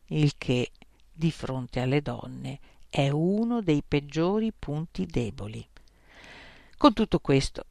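A man reads literary prose in a measured, ironic storytelling manner. His voice sits a little high for a man, with a gravelly grain. The sound is close and dry. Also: no echo. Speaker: narrator. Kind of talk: literary audiobook narration.

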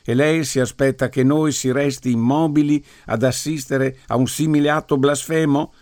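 A male narrator voicing an indignant village priest who booms with outrage. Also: fairly even intonation, moderate pace, a little mellow, no echo, studio quality, close to an everyday voice. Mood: outraged. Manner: booming, outraged. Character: indignant fiery middle-aged village priest.

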